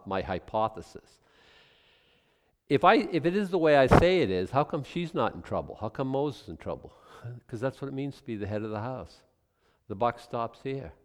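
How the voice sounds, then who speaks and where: A man's voice: mid-range voice, big-room sound. A male pastor teaching a Bible passage in a conversational way, musing aloud about his own guesses and chuckling as he goes.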